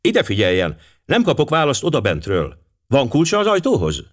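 A man's voice: mid-range voice, wildly swooping pitch, voice pushed up. A man reading an audiobook, voicing a nervous, henpecked colonel who speaks apologetically and hesitantly. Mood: worried. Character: nervous henpecked middle-aged army colonel. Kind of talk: audiobook character voice.

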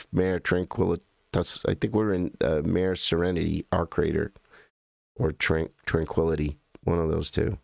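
A deep-voiced American man with vocal fry and a slightly mellow tone hosts a livestream, recorded in echo-free studio quality. He clicks through images while thinking aloud, rambling and correcting himself as casual commentary.

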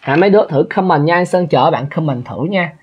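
A man's voice: fairly high pitch, expressive, quick pace, lo-fi sound, slight background noise. A male English teacher, going over an exam in a chatty way and often checking that listeners follow. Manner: chatty, keeps asking listeners to confirm. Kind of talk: exam review lesson.

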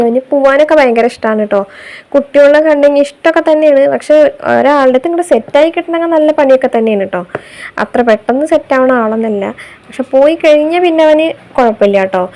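A young mother from Kerala, narrating her daily chores in a chatty voice-over. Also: fairly high pitch. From Kerala, India. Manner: chatty, tags sentences with a soft "you know". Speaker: vlogger mother. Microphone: voice-over recorded separately.

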